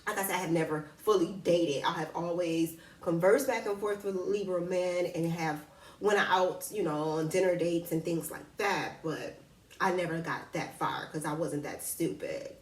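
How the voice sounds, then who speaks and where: A woman's voice: on the low side, moderate pace, far from the mic. Blunt, slangy woman in an echoey room. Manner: blunt, slangy, animated storytelling with profanity. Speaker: vlogger. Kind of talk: casual storytelling about dating and zodiac signs. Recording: echoey room, voice a bit off-mic.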